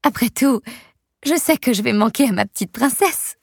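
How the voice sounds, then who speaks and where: A woman's voice: a little high, normal speed, creaky, breathy edge, no echo, studio quality, voice pushed up. A woman voicing a haughty, short-tempered wealthy young mother who speaks in a reproachful, accusing way in a storybook reading.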